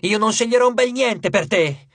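A panicked teenage heroine cries out in a raised, strained voice, played by a man narrating an audiobook. The tone stays husky, and the recording is close and dry. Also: extremely high pitch, sing-song, takes it slowly, dry recording, voice pushed up, full character voice. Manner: shouting in panic. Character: frightened, defiant teenage girl demigod. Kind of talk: audiobook character voice.

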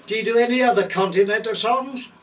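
A man's voice: high voice, fast. A man in his seventies doing comic stage patter as the straight man to a puppet. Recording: distant camera microphone.

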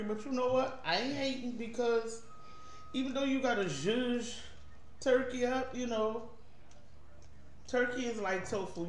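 Chatty woman in an echoey room. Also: mid-range voice. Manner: laid-back, chatty, drawn-out asides. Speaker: mukbang co-host. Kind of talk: casual food review chat. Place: home room, seated at table. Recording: echoey room with faint noise.

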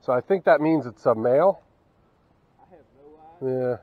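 Out on a wooded river in a small boat, a young Southern US man gives casual fishing vlog commentary to the camera, muttering asides and cursing at the fish. His mid-range voice is animated and unhurried, with no room sound, though the boat's action camera makes the outdoor audio slightly dull.

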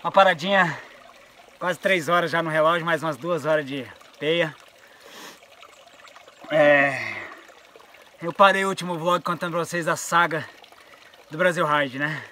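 A man's voice: a little high, measured pace, long pauses, a little hiss or hum. A man with a Brazilian Portuguese accent telling a story in a casual outdoor vlog, acting out the voices of the people he met. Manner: lively storyteller who acts out what people said. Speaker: mountain biker vlogger. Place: outdoors on a trail.

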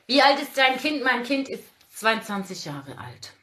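A woman's voice: on the high side, big pitch swings, measured pace, a bit bright. A woman in her forties hosting a casual livestream, outspoken and ranting while reading out viewer comments. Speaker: livestream host.

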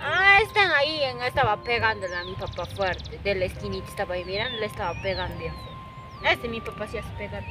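An actress playing a young daughter who recounts being shouted at and beaten, in plain rural Spanish. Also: female voice, mid-range voice, animated, fairly quick, lightly acted. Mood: upset. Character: young daughter telling of a beating. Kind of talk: amateur drama acting. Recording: music bed behind.

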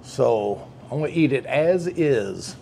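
A man's voice: medium pitch, expressive, slow, vocal fry, darkish tone, slight background noise. A man, chatting casually as he reviews food in a deli, folksy and savoring each bite. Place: indoor deli dining room.

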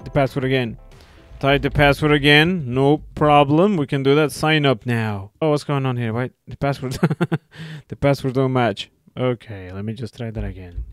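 A man giving a casual screen-recording tutorial with wry, self-mocking running commentary. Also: medium pitch. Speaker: video creator.

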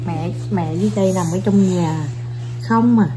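A woman's voice: on the low side, normal speed, warm tone, a little hiss or hum. A young mother, filming her kids and coaxing them, talking to viewers in a casual, playful way. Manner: coaxing, playful, repeats short commands to children.

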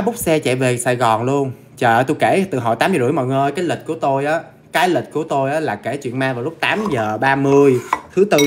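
A man's voice: mid-range voice, slight background noise. A man hosting a casual ghost-story livestream, chatting to viewers and eating as he talks. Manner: chatty, addresses viewers directly, eats while talking.

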